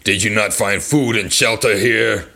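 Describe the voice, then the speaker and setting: A man's voice: fairly low pitch, measured pace, creaky, bright, forceful tone, full character voice. A man voicing an angry male beast who scolds a thief in a storybook. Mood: stern scolding. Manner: stern, scolding. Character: gruff, angry male beast, castle master.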